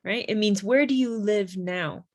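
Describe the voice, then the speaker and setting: A woman teaches an English lesson, talking very slowly and deliberately. She spells things out step by step and models short example phrases for her learners, in a voice of middling pitch. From United States. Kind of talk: slow classroom explanation.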